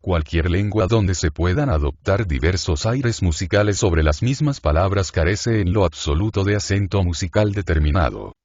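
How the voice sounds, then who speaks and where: A man narrating a philosophical essay as an audiobook, in a measured, even reading. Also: deep voice, no echo, dull audio.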